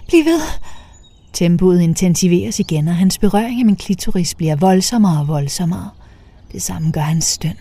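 A woman narrating a first-person story in a soft, half-whispered way. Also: fairly low pitch, slightly rough.

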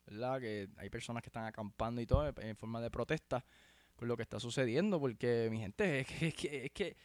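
A man's voice: medium pitch, fairly quick, no echo. A man with a Puerto Rican accent giving rambling, heated, slangy commentary as host of his own show. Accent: Puerto Rican Spanish. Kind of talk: casual commentary.

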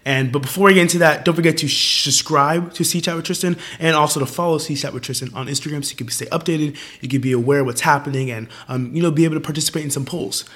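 A man's voice: on the high side, quick pace, hardly any pauses, a bit bright. A young man hosting a casual youth podcast, chatty and upbeat with many fillers, his voice strained from losing it. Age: young adult. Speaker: podcast host. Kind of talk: casual chat.

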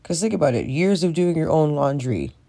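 A man hosting a casual solo podcast, talking like a stoner who is high, rambling and swearing freely. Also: very animated, brisk, creaky, warm tone. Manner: frequent swearing. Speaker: podcast host.

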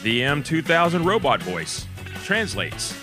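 A man's voice: fairly high pitch, very animated, unhurried, over music, voice pushed up. A man putting on an overexcited infomercial announcer voice for a mock commercial, punchy and salesy. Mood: hyped.

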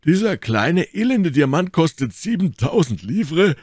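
A man voicing an excitable young musketeer in an audiobook reading, exclaiming in a raised voice. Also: a little high, normal speed, husky, no echo, clean studio sound, pitched above the performer's own voice, exaggerated voice. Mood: incredulous.

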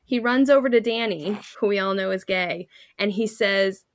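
A woman's voice: medium pitch, moderate pace, no room sound, studio quality. Young woman animatedly recapping an episode. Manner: animated storytelling, acting out quotes with laughter. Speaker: podcast co-host. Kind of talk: casual recap chat.

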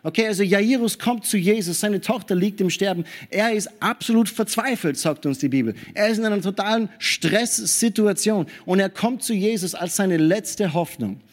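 A man delivers a sermon in a fairly high voice. He preaches in an animated way, often checking in with his listeners. He punctuates his points with hallelujah and amen. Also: moderate pace, few pauses. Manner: animated preaching with frequent tag questions.

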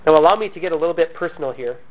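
A pastor preaching in an earnest, measured way, posing questions to the congregation and answering them himself. His voice sits high for a man. The recording is thin and tinny, like a phone line. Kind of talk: sermon.

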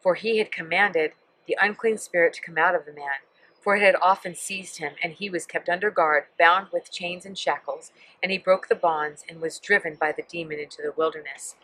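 A woman's voice: on the low side, fairly even intonation, normal speed, fairly bright tone, dry recording, rough recording. A woman leading a guided Bible meditation, reading scripture aloud and telling listeners to picture the scene, speaking vividly and emphatically. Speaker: Bible teacher.

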